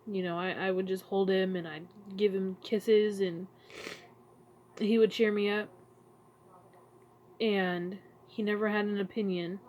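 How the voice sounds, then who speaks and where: A woman talking to her channel in a casual, emotional vlog, halting and searching for words as she grows tearful. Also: mid-range voice, fairly even intonation, darkish tone, a little hiss or hum. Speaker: vlogger. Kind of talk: casual heartfelt vlog talk.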